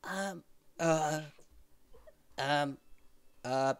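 A woman's voice: low-pitched, drawn-out words, no echo. A woman streaming a game, chatting casually and reading narration aloud, often hesitant and searching for words.

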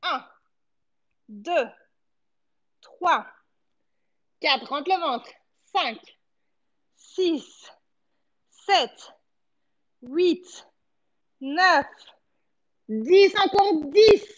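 A woman's voice: very high-pitched, expressive, extremely slow, pauses often, highs cut off. A woman in her thirties leading a home workout as a fitness coach, giving short encouraging cues and counting repetitions while she exercises. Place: living-room home studio, indoors.

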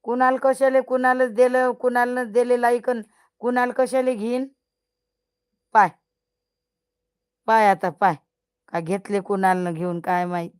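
An older woman chats slowly on a live stream, teasing and scolding her viewers. Her voice is smooth and clear, set at an ordinary middle pitch. The sound is close and dry. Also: fairly even intonation, no room sound. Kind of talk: casual live-stream chat.

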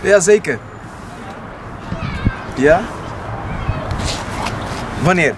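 A man's voice: on the high side, expressive, extremely slow. A man in his thirties vlogging casually outdoors, using Moroccan Dutch street slang with Arabic interjections. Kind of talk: casual vlog chat. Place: outdoors in a park by a wooden fence. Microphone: camera a few steps away. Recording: noisy outdoor recording with voices around.

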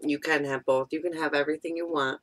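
A woman's voice: sits low, steady tone, quick pace. A woman chatting casually and offhand as a teasing co-host on a home vlog. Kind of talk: casual chat. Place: small indoor room at home. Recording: clearly noisy home camera audio.

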